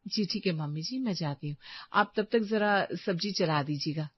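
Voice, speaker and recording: A woman voicing a kind, busy young married woman who bosses her friend around in a lively way. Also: lowish voice, moderate pace, slightly rough, dry recording, lo-fi sound.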